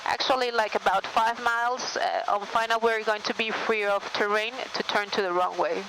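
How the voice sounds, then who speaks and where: A woman's voice: medium pitch, steady tone, moderate pace. A woman airline pilot, giving procedural briefings and explanations in the cockpit during flight. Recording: faint aircraft cockpit hum.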